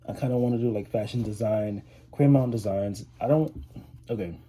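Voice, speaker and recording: Husky-voiced teen guy rambling casually. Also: on the low side, fairly quick, dark tone. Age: 18, teenager. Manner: rambling, many fillers and restarts. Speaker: vlogger, high school student. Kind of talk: casual rambling chat to camera.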